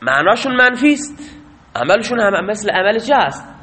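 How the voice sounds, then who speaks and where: A man's voice: sits high, very animated, bright, forceful tone, husky. A man teaching a grammar lesson, asking questions and answering them himself.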